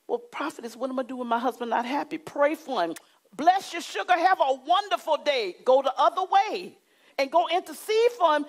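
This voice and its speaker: In this sermon, recorded on a lapel mic in a curtained church studio, the middle-aged female preacher sounds emphatic and lively. Wide pitch swings, dramatic pauses and sudden hushed moments mark her animated style.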